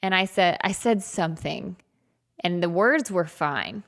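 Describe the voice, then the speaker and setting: A woman co-host talks with a low, gravelly edge, chatty and quick to laugh at herself. Her young adult voice stays casual as she swaps stories in a relaxed podcast conversation. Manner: chatty, self-deprecating, laughs often. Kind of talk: casual chat.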